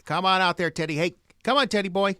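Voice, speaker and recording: A man's voice: low-pitched, unhurried, creaky, no echo, clean studio sound. An actor playing Herbie, an earnest simple country man, in old-time radio drama style. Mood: calling.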